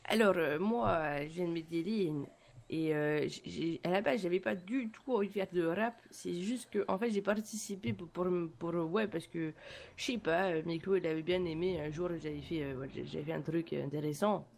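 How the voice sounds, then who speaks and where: A woman's voice: fairly low pitch, normal speed, creaky, darkish tone. A woman playing a young female rapper from Medellín in a role-play interview, hesitant and full of fillers. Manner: hesitant, many fillers and restarts.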